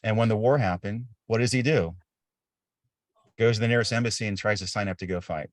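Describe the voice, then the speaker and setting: A man's voice: fairly low pitch, brisk, no echo, studio quality. A middle-aged man telling war-zone stories as an interview guest on a video call, earnest and repeating words as he builds a point. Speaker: interview guest, aid volunteer. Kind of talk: casual storytelling on a video call.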